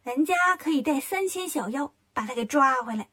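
A woman's voice: high-pitched, animated, brisk, a bit bright. A woman voicing a boastful male elephant demon in a storybook reading.

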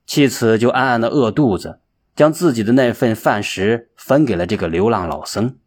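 Male audiobook narrator, husky voice, steady unhurried storytelling. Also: mid-range voice. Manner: slow, measured storytelling.

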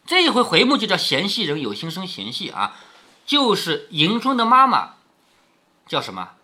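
A man reading a classic novel aloud to his daughter, pausing to explain and asking her rhetorical questions. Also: high voice, huge pitch swings, bright, forceful tone. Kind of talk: storybook reading with commentary.

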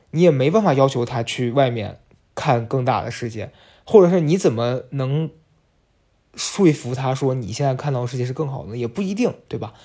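Husky young man telling a story. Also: mid-range voice, warm tone. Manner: chatty, confiding, addresses listeners directly. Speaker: podcast host. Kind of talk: casual storytelling monologue.

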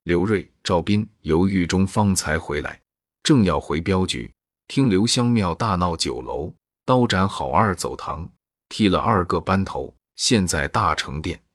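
A man reading a classical Chinese novel aloud in a steady, even storytelling manner. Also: low voice, a little slow, slightly rough, no echo, clean studio sound.

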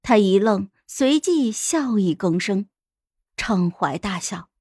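A woman narrates a first-person palace tale in a soft, deliberately dramatic way. She takes her time over every line, unhurried. Her voice sits in the middle of the range, recorded close and dry. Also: mid-range voice, expressive, slightly rough, dry recording. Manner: slow, deliberate, softly dramatic. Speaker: storyteller.

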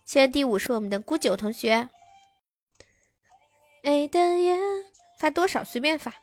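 A woman's voice: fairly high pitch, lively intonation, fast talker, no room sound. A young woman hosting a live stream, chatting casually with her viewers and answering their comments.

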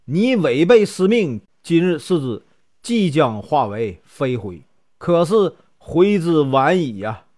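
A man voicing an elderly strategist who gives orders and taunts his enemy in measured, commanding words. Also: on the high side, very animated, darkish tone.

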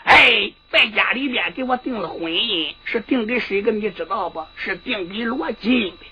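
A woman storyteller voicing a bold, sharp-tongued young noblewoman who argues back at an elder. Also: mid-range voice, moderate pace, highs cut off, a loud crowd, close to an everyday voice. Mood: pleading.

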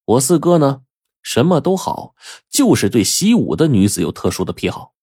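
A man's voice: medium pitch, sing-song, moderate pace, dark tone, husky, no echo, studio quality, voice pushed up. A man voicing a shrewd, jovial young prince who confides his schemes with chuckles. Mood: sly, confiding. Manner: laughing, confiding, playful.

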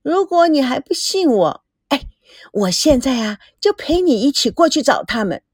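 A sly young woman who schemes to win a man, as a female narrator puts her on. She coaxes and gloats with a lively, swooping pitch. The sound is dry and close. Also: normal speed, no room sound. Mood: smug. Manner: smug, coaxing.

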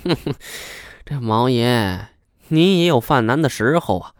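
A sly, smug middle-aged schemer, as a man voices him in an audiobook, wheedling and teasing and drawing out his sayings. The voice sits a little higher than the reader's own, with a lively, swooping lilt. The sound is dry and close. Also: measured pace, dry recording, close to an everyday voice. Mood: mocking. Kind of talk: audiobook character voice.

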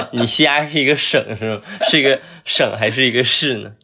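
A man's voice: mid-range voice, normal speed, sharp tone, breathy edge. A man from southern China with a northern-tinged southern Chinese accent, chatting casually and explaining things as a podcast host. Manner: bantering, explanatory.

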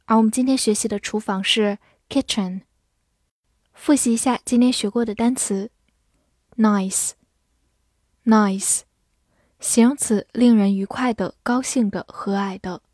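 A woman teaching English vocabulary in a lesson, spelling words out letter by letter and speaking slowly and deliberately. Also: a little high, darkish tone, no echo, clean studio sound.

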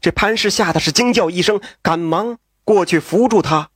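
A man telling a story in a traditional storytelling style, lively with folksy asides and exclamations. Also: high voice, moderate pace, slightly rough, no echo, studio quality.

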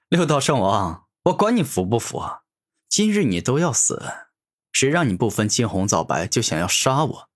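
A man voicing a cocky young male hero who taunts his enemy, with a husky voice. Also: medium pitch, big pitch swings, a little slow, pauses often. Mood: scornful. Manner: taunting, sneering.

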